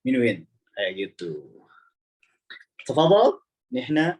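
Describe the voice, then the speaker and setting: A man teaching an online Arabic class over a video call, relaxed and chatty, often repeating words as he explains. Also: medium pitch, slow pace.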